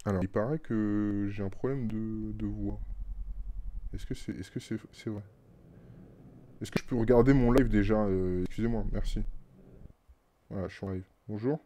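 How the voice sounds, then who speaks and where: A male streamer with a French accent, chatting casually on a live stream and muttering to himself with halting restarts. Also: fairly low pitch, mellow, a little hiss or hum.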